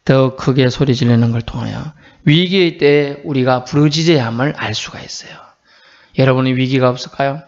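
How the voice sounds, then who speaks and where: A male pastor preaching a sermon emphatically, swinging between loud exclamations and soft asides, on a dull lo-fi recording. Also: mid-range voice, moderate pace. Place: church.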